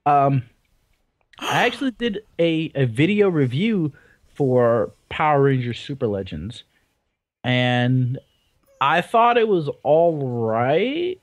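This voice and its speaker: A man's voice: medium pitch, big pitch swings, slow pace, dry recording. A man co-hosting a casual gaming podcast, rambling and swearing casually with self-deprecating jokes. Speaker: podcast co-host. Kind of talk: casual chat.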